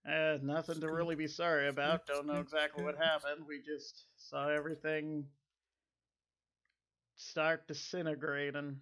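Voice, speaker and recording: A man voicing a friendly young farm boy, with a put-on, bad southern US accent and a hesitant, halting delivery. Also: fairly high pitch, little pitch movement, a bit bright. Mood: wistful.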